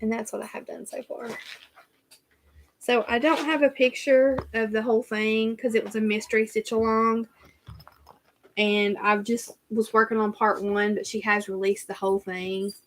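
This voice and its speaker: A woman's voice: on the high side, level tone, moderate pace, a bit bright, slight background noise. A woman with a Southern US accent, chatting casually on a live stream and reading out viewer comments as she goes. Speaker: cross-stitch channel host.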